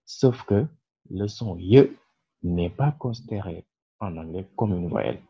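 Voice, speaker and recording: A man's voice: low voice, expressive, measured pace, vocal fry, warm tone, husky. A man, the creator of the channel, explaining English articles in a patient grammar lesson with frequent fillers. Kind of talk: French-language grammar lesson. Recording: dull lo-fi sound.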